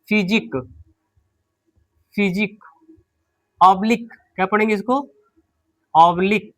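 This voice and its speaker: A man teaching English pronunciation in an online class, unwell with a slightly low voice, repeating words slowly and quizzing his students. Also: a bit bright.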